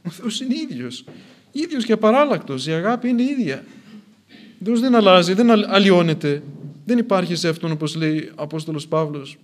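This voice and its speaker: A man preaching a sermon in an earnest way, repeating phrases for emphasis as his intensity rises and falls. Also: a little high.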